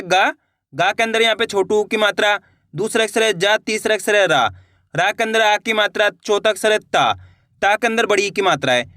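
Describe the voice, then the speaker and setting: Male reading teacher, high bright voice, dry close sound, spells words out syllable by syllable for beginners. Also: dry recording. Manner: addresses viewers as friends, drawn-out syllable-by-syllable reading. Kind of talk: slow spelled-out reading lesson.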